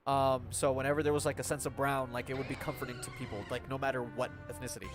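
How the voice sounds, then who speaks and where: Speaking fast over music, a young Mexican-American man with a mid-range voice and little pitch movement chats casually on a live game stream. He rambles, saying "like" and "um" a lot, and laughs often.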